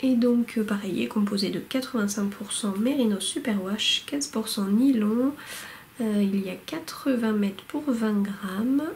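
Showing off recently bought yarn in a relaxed home vlog by a window, a knitting vlogger talks in a chatty, hesitant way, stumbling through fillers and restarts. She speaks unhurriedly in a mid-range, slightly mellow voice. The low-quality recording carries a little hiss or hum.

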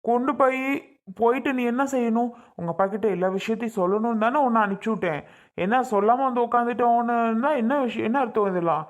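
A woman playing a teasing, bossy young partner who scolds with quick retorts. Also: on the high side, natural voice. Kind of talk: comedic family skit acting.

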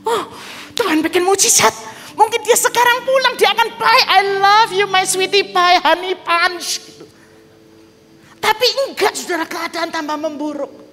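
An evangelist with an extremely high, sharp-toned voice preaches at a moderate pace. In her sermon she gives a personal testimony, vividly telling her story and acting out the dialogue. The setting is a large church hall, and the audio has its reverb plus background music.

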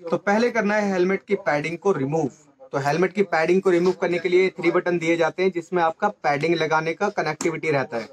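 In a small indoor room, a fairly high-pitched man explains a practical tutorial one step at a time at a fairly quick clip. He hosts a motorcycle gear channel. The audio carries faint background noise and clicks.

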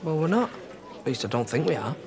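A soft-hearted young man, loyal and awkward. His voice is rather high for a man and very expressive. The soap scene has clear pub chatter behind it. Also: fast. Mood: earnest, hurt. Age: 20s. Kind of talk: naturalistic TV soap acting.

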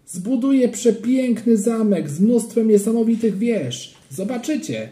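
A man's voice: very high-pitched, animated, a little slow, warm tone, pitched above the performer's own voice. A man voicing a boastful little boy in a storybook reading. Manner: boastful and dismissive. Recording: roomy echo.

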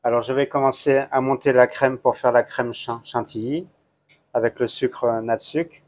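Chef in a hotel kitchen. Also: male voice, mid-range voice, steady tone, normal speed. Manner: plain, step-by-step explaining while working. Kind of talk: cooking demonstration. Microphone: lapel mic.

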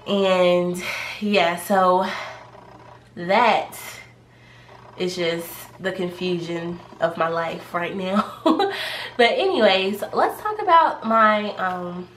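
Talking to camera, a pregnancy vlogger rambles casually with many fillers, sounding a little congested from a cold. Her voice is fairly low and fairly bright, with drawn-out words, recorded in an echoey room with faint background noise.

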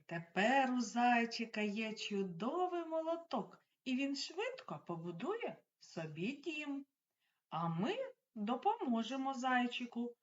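A woman preschool teacher guides small children through a speech lesson, her voice swooping widely in a slightly higher register. She talks slowly, shaping every sound with exaggerated care and coaxing them on. The recording is dull and lo-fi. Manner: slow, exaggerated articulation, coaxing and praising.

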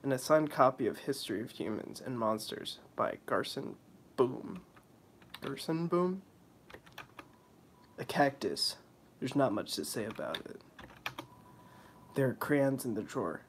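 A man's voice: mid-range voice, sing-song, unhurried, long pauses, slight background noise. A young man casually commenting on a video game and reading its text aloud in a wry, offhand way. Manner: wry, offhand, drops into mock voices and whispers. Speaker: let's play commentator.

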